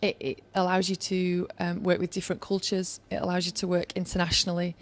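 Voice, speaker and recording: Brisk and on the low side, a Yorkshire woman in her thirties gives interview answers that are earnest and advice-giving, delivered in a steady flow. She is a former member of Olympic organising staff.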